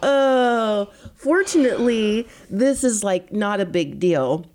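A woman's voice: medium pitch, animated, slow, darkish tone. A woman co-hosting a casual chat about marriage with her husband, giggling and laughing at herself. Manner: giggly, self-deprecating. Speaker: podcast co-host.

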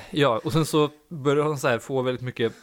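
Rambling young man telling a story. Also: medium pitch. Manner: rambling, filler-heavy, laughs at own story. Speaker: podcast host. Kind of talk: casual anecdote telling.

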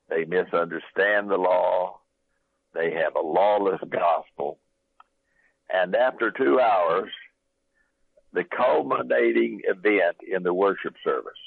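Man, pastor, radio guest, gravelly voice, lowish pitch, tinny phone line, emphatic storyteller. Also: no room sound. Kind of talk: call-in radio interview. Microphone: telephone.

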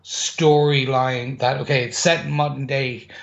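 A man's voice: medium pitch, little pitch movement, a little slow, vocal fry. A man co-hosting a casual chat, laying out his predictions step by step. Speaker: podcast co-host. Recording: slightly dull, muffled audio.

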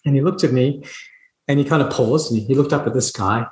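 A man's voice: medium pitch, brisk, a little mellow. Reflective man in a roomy echo. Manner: earnest, reflective, frequent restarts and laughs. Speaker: dentist, podcast guest. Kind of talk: conversational storytelling.

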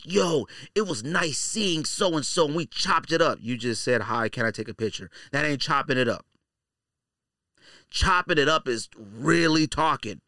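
This middle-aged podcast host has a bright, forceful voice and a very lively pitch, and he delivers slangy, opinionated rants in animated bursts. He drives his points home by saying them again and again. The audio sounds close and dry, without any room sound.

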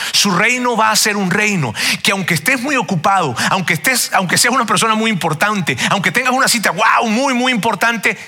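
A man's voice: high-pitched, bright, forceful tone. A man preaching a sermon earnestly and emphatically, often calling his listeners friends.

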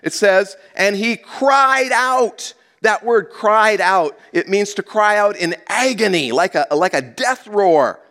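A man preaching a teaching sermon, moving between loud emphasis and hushed asides. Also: high-pitched, expressive, unhurried, few pauses. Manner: teaching verse by verse, dramatic swings from loud to hushed. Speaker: pastor.

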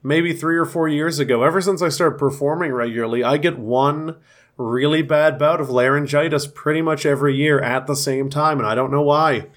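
A man's voice: a little high, fairly quick, fairly bright tone. Dry-joking young man, voice worn. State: recovering from laryngitis, voice worn. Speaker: podcast co-host. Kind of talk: casual comedic chat.

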